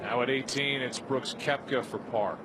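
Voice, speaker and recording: A man's voice: mid-range voice, normal speed. A man doing live golf commentary in short, declarative phrases. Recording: very noisy outdoor broadcast. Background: loud outdoor ambience.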